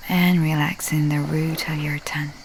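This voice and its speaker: A female meditation guide speaks low and very evenly in a soft, half-whispered, soothing voice, leaving long pauses between phrases. The recording is low quality, with a little hiss or hum.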